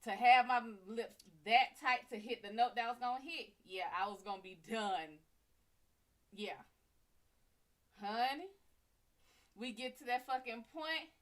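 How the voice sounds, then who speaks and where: A woman hosting a live stream, telling a story in casual, animated, profane talk and calling listeners honey and baby. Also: fairly high pitch, a little slow, long pauses. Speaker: psychic reader and live show host.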